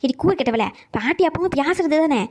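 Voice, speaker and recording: A fussy elderly grandmother from a cartoon, rattling on in a high, quick voice. She nags and gossips, then softens into tender pleading. The whole read is cartoon voice acting. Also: expressive. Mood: defensive. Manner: scolding gossip turning to coaxing pleas. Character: talkative elderly grandmother, fussing and doting.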